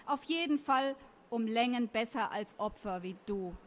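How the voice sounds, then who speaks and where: A woman's voice: on the high side, expressive, measured pace. A woman voicing a cocky, scornful teenage boy who taunts a classmate in a sneering way. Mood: taunting.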